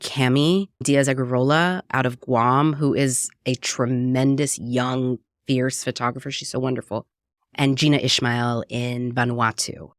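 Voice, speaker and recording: A Puerto Rican cookbook author and radio producer speaks in a very deep, steady, slightly slow voice during a conversational interview. She sounds earnest and reflective, often tagging sentences with "right?", and the studio recording is clean with no room sound.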